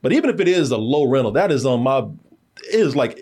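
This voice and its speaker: A man with a husky, slightly rough voice rambles through a movie review in loose, profane slang. His pitch sits mid-range for a man. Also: big pitch swings, quick pace, a little mellow. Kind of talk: casual chat.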